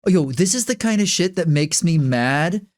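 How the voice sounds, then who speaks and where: A man's voice: on the high side, expressive, moderate pace. A man co-hosting a podcast, speaking casually with emphatic frustration and casual swearing. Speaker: podcast co-host. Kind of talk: casual chat.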